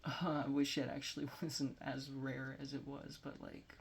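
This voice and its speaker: In a small home room, a man in his forties from Texas vlogs into a close phone or webcam, rambling and self-deprecating and occasionally sinking to a near-whisper. His medium-pitched voice is creaky and completely flat at a moderate pace, with a little hiss or hum on the recording.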